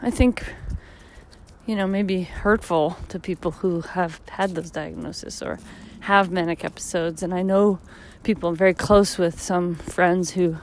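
A tired podcast host in her thirties reflects during a street walk, her casual monologue wandering and peppered with fillers. She speaks a little slowly in a steady tone, her voice slightly deep and husky, with a faint hiss or hum in the recording.

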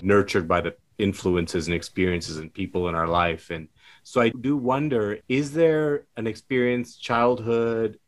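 A man hosting a podcast interview, who asks questions in a warm, enthusiastic way and often repeats himself. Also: on the low side, a little slow. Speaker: podcast host. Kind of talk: interview conversation.

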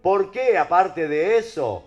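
A man with a Rioplatense accent preaches to listeners, peppering his talk with rhetorical questions. His voice sits a little high and leaps up and down with emphasis. Soft music plays faintly underneath. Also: slow pace. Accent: Rioplatense Spanish. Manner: animated, rhetorical questions to the audience.

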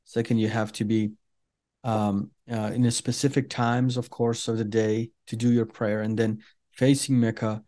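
A middle-aged Iranian man, a native Farsi speaker, gives an earnest personal testimony as an interview guest. He speaks deliberately, with many pauses and fillers, in a fairly low, mellow voice that moves little in pitch.

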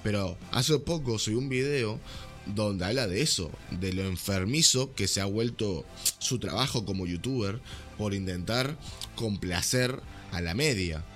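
A man's voice: fairly low pitch, measured pace, a bit bright, soft background music. A young man with a Rioplatense Spanish accent, ranting animatedly in a casual podcast chat, full of slang. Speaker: podcast host.

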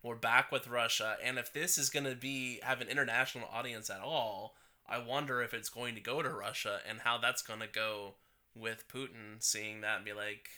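A man co-hosting a film podcast, making brief, relaxed remarks in casual chat. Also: mid-range voice, normal speed. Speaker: podcast co-host.

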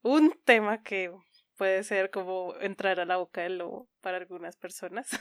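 A woman's voice: medium pitch, unhurried, no room sound, clean studio sound. A woman co-hosting a podcast in casual chat, giggly and informal, often poking fun at herself. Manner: giggly, frequently laughing. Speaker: podcast co-host.

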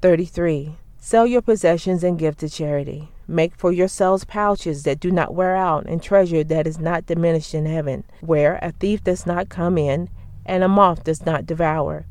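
Mellow, measured devotional podcast host. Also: medium pitch, dry recording. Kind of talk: devotional scripture reading and commentary.

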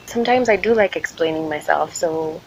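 On her own podcast, a Kenyan woman who is a small business owner talks casually in an American accent she picked up in Ohio. Her slightly low voice moves at a normal speed as she shares thoughts in a loose, unscripted, conversational way. There's noise in the background.

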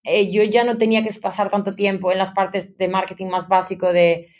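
A woman's voice: medium pitch, little pitch movement, brisk, a little mellow. A woman in her thirties from Spain, a guest in a conversational interview, chatty and mixing English business terms into her talk. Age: 30s. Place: London.

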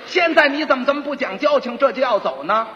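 A man's voice: very high voice, lively intonation, fast talker. A man with a Beijing accent voicing a hot-tempered, panicking county magistrate who blusters and stammers. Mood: pleading. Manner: pleading then blustering, stammering. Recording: dull lo-fi recording with long reverb.

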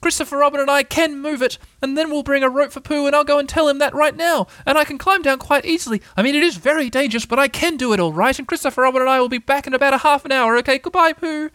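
A man voicing a small, timid, excitable piglet with high, squeaky chatter. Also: quick pace, few pauses, dry recording. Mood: excited.

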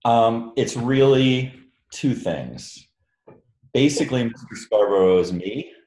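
A man, an author, chatting casually with a book club over a video call, relaxed and quick to laugh. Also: mid-range voice, roomy sound. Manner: relaxed, chatty, laughs easily, many fillers.

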